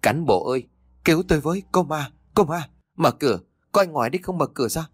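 A man's voice: medium pitch, moderate pace, husky, no room sound, clean studio sound, pitched above the performer's own voice, close to an everyday voice. A man voicing terrified male criminals in a ghost story, panicked and pleading for their lives. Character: two terrified male criminals begging for mercy.

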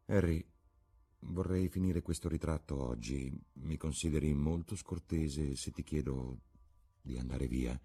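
A man voicing a serious, reserved painter, speaking low and quiet with a husky voice. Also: unhurried, exaggerated voice. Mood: reluctant. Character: earnest painter, grave, reticent man.

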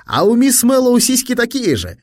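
A man's voice: extremely high pitch, huge pitch swings, moderate pace, no echo, studio quality, pitched above the performer's own voice, exaggerated voice. A man voicing a fat, whiny teenage boy who squeals and mocks his friend in an audiobook. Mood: teasing. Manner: squealing, mocking.

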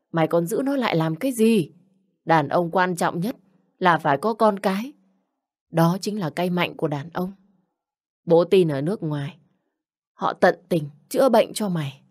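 A woman reading a story, voicing a blunt, commanding elderly father who lectures his son with old sayings. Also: fairly low pitch.

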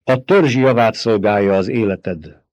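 A man reading the part of a stern, commanding young desert leader with a sharp, forceful way of questioning. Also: fairly low pitch, no echo, close to an everyday voice. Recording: dull, dry recording.

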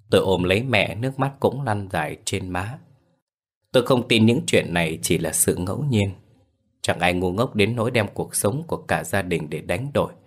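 Deep-voiced man narrating a ghost story.

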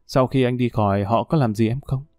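Man reading as a gentle remorseful soldier. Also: mid-range voice, brisk, no room sound, clean studio sound, soft background music, natural voice. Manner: soft, earnest dialogue reading.

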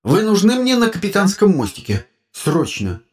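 A man's voice: high-pitched, normal speed. A reader voicing an urgent, commanding man on a ship's bridge in a storybook reading.

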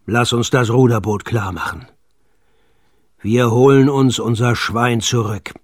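A man doing the gruff, hearty fat captain. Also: medium pitch, fairly even intonation, unhurried, no room sound, clean studio sound, natural voice. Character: fat kindly ship captain, gruff but loyal.

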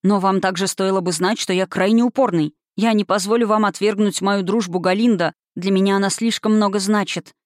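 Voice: mid-range voice, fairly even intonation, a little fast, hardly any pauses, dry recording, clean studio sound, close to an everyday voice. A reader voicing an earnest, stubborn young male student in an audiobook, speaking resolutely. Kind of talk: audiobook reading.

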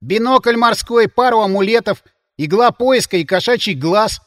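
A male narrator voicing a nervous, defensive young soldier in a high, pleading voice. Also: expressive, normal speed, no room sound, studio quality. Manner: high, whiny, pleading delivery. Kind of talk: audiobook character voice.

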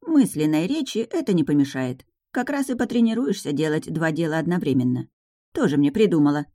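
A woman's voice: sits low, big pitch swings, fairly quick, mellow, dry recording. A woman voicing a small sardonic male dragon familiar who teases and lectures. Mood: teasing. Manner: teasing, dry, lecturing. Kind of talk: audiobook narration.

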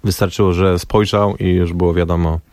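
Low-voiced man telling lively anecdotes. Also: brisk, no echo. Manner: lively anecdotal storyteller, acts out quoted dialogue. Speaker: former national team press officer. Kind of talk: radio interview storytelling. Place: radio studio. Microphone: studio microphone.

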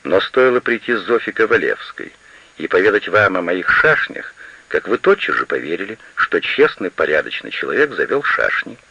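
A man's voice: low-pitched, big pitch swings, moderate pace, creaky, pushed and bright, slightly rough, no room sound, full character voice. A man reading an audiobook and voicing a stubborn, gloomy young estate manager who speaks tersely, on a slightly lo-fi recording. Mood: bitter. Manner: terse and unyielding.

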